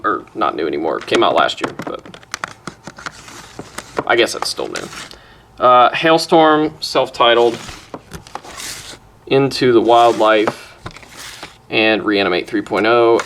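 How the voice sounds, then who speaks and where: Bright-voiced man chatting slowly. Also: mid-range voice, slight background noise. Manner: rambling, offhand, swears casually. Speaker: music collector vlogger. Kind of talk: casual chat listing albums. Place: room at home, close to a wall.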